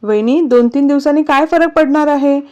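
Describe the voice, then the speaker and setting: A woman's voice: high-pitched, normal speed, warm tone, pitched above the performer's own voice, close to an everyday voice. Woman reading a playful young man. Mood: pleading. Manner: pleading, coaxing.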